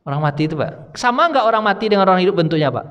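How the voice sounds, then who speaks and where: A man's voice: high-pitched, lively intonation, rapid-fire, a bit bright, clear, resonant tone, long reverb tail, lo-fi sound. A middle-aged male Islamic preacher giving a study sermon in a mosque, chatty, often asking the congregation questions. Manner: conversational, asks the congregation questions. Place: mosque hall.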